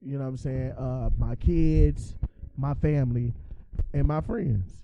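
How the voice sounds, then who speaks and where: A man's voice: medium pitch, measured pace, muffled recording, a little hiss or hum. A young man hosting a casual podcast chat, loose and blunt, with hype greetings. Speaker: podcast host.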